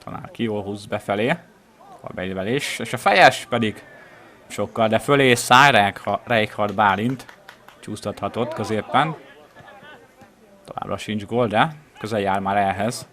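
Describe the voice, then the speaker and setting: A man with a fairly low voice calls a football match live from the ground outdoors. His play-by-play stays measured and descriptive, lifting into excitement whenever a chance develops. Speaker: football commentator. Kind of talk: live match commentary of amateur regional football.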